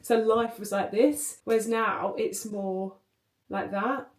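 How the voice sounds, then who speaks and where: A woman's voice: mid-range voice, fairly even intonation, takes it slowly. British woman, thirties, casual rambling vlog chat, distant mic, roomy echo. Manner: chatty, rambling, full of "like". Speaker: vlogger. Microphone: distant camera mic. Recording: roomy, distant home recording.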